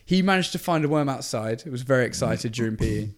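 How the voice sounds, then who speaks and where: A man's voice: medium pitch, quick pace. A man co-hosting a casual podcast, telling classroom stories with plenty of laughter and acted-out voices. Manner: laughs a lot, animated storytelling with shouted voices. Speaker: podcast co-host, teacher. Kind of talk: casual chat.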